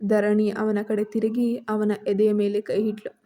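A woman's voice: mid-range voice, completely flat delivery, measured pace, warm tone. A woman narrating a serialized audio story and reading every character's lines in her own voice.

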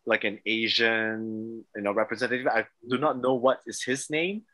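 A man's voice: mid-range voice, moderate pace. A man with a Singaporean English accent, co-hosting a casual panel chat and laughing often. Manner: animated, laughs often, does mock accents. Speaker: panel co-host.

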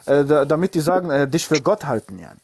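A man in a heated online religious debate, talking combatively and halting often on fillers. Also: fairly high pitch, sing-song, creaky, a little mellow, breathy edge.

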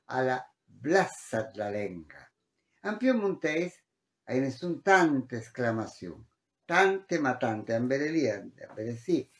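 Slow-speaking male teacher in an echoey room. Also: a little high. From Argentina. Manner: explanatory, repeats words and switches between languages; tags sentences with questioning "eh?". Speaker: language teacher. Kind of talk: online language lesson. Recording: roomy echo.

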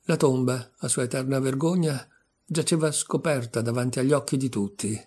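A man reading a literary short story aloud with steady, measured narration. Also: medium pitch, breathy edge. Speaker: audiobook reader.

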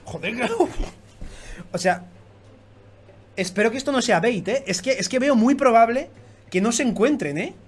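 Man, high voice, excitable, foul-mouthed, shouty reaction commentary. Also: moderate pace, long pauses, slightly rough. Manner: excitable, swears constantly, bursts into shouts. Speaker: YouTube manga reactor.

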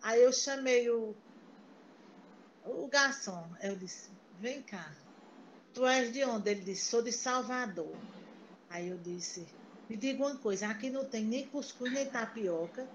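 A woman talks over a video call in a chatty, rambling way, restarting her sentences often. Her voice sits a little high. The sound is muffled like a laptop mic. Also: a little slow, a little hiss or hum. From Paraíba, Brazil. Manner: chatty, storytelling, many restarts. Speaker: meeting participant. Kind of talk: casual chat on a video call.

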